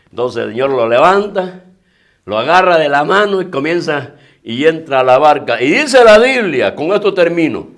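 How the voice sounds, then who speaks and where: A man preaching a sermon as pastor, emphatic and repetitive, swinging between loud declarations and hushed asides while addressing his listeners as brother. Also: on the high side.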